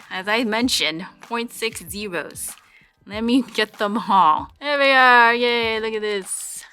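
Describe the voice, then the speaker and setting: A woman's voice: mid-range voice, pushed and bright. A woman hosting a casual pack-opening video, chatting to herself and reacting to each pull. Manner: chatty, thinks aloud, reacts to pulls with laughs and gasps. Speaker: channel host opening card packs.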